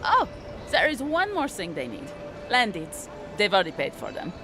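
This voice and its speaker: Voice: mid-range voice, wildly swooping pitch, moderate pace, noisy background. An actor playing a courteous character asking for help in a fantasy video game, in a polite manner. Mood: polite, reserved. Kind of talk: dramatic video game dialogue.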